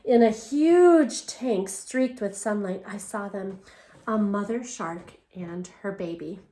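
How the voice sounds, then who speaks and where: A woman teacher with a medium-pitched, dark voice reads slowly to young children, offering a picture book in English and then in Spanish and asking the class questions along the way. The room is echoey.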